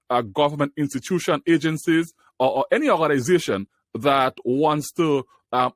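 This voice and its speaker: Halting male host with a dry sound. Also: medium pitch, no room sound. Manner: halting, repeats and restarts words. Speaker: podcast host. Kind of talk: podcast interview.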